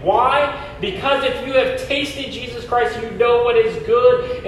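A man preaching a sermon as pastor, emphatic, posing questions and answering them, then leading a prayer, with a cathedral-like booming echo. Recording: heavy hall echo, distant mic, faint noise.

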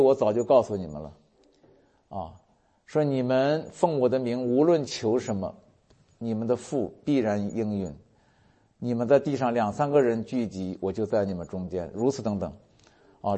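Male pastor, sermon delivery, earnest and tender, low mellow tone with a husky edge. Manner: earnest, warm storytelling preacher quoting scripture.

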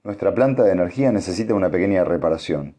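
A man's voice: deep voice, animated, fast, dark tone. A man voicing a cold, officious military officer in a storybook reading, curt and icy.

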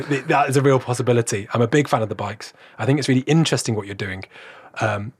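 Man, podcast host, enthusiastic, casual, husky voice. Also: mid-range voice. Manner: enthusiastic, self-described bike tech fanboy.

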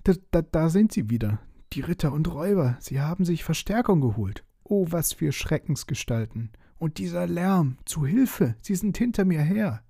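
A man's voice: fairly low pitch, lively intonation, moderate pace, mellow, husky, no room sound, clean studio sound. A man voicing an old, bumbling male dragon who scares easily, grumbling and wondering aloud in a storybook. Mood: panicked.

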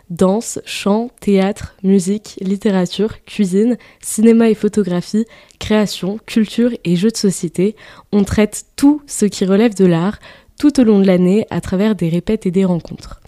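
A young woman, co-president of a student association, reading a prepared statement in a brisk, upbeat, listing way. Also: medium pitch, dark tone, no echo, clean studio sound.

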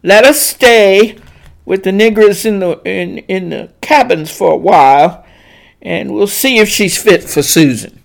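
A narrator voicing a tall, commanding male plantation owner who gives clipped, booming orders. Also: measured pace, gravelly. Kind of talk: audiobook character voice.

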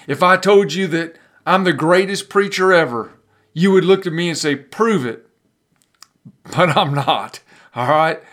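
A man preaching a sermon as pastor, building emphasis with dramatic pauses and sometimes repeating words as he pushes a point. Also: a little high, fairly bright tone.

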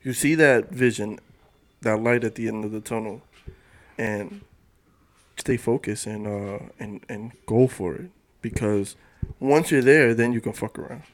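A man's voice: fairly low pitch, a little slow. A man co-hosting a casual podcast in a laid-back, profane way, acting out little exchanges as he talks. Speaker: podcast co-host.

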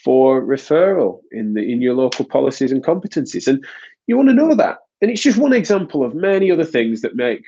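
This physiotherapist podcast host from the UK has a medium-pitched, warm voice with a breathy edge and a sing-song lilt, moving a little fast. Sounding nasal and stuffed-up from congestion, he rambles casually with frequent restarts over dull lo-fi audio.

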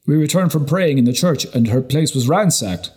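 A man's voice: on the high side, expressive, normal speed, warm tone, breathy edge, pitched above the performer's own voice. A man voicing a tired young monk, weary from drink, who pleads anxiously for advice in a storybook reading. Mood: troubled.

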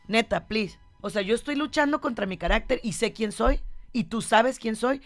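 A woman's voice: fairly high pitch, normal speed, soft background music. A woman with a Mexican Spanish accent co-hosting a talk show, chatting casually and acting out quoted lines with animation. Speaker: radio show host.

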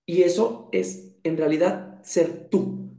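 A man's voice: high-pitched, takes it slowly, dark tone, reverberant. A man talking as a guest in a casual conversation, earnest and reflective, often stopping and restarting his sentences.

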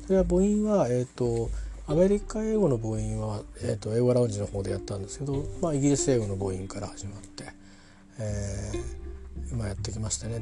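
Rambling, chatty man with a mellow voice. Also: medium pitch. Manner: rambling, self-correcting, chatty with many fillers. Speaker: English pronunciation learner reviewing a book. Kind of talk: casual spoken book review.

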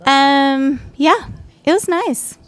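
A woman's voice: high-pitched, drawn-out words. A woman in her forties with an East Texas accent, a podcast guest chatting in an easygoing way. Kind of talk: casual chat.

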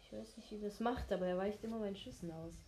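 A woman giving casual, low-key, mildly grumbling commentary on her own gameplay. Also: fast, dark tone, a little hiss or hum. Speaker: gamer commentating own play.

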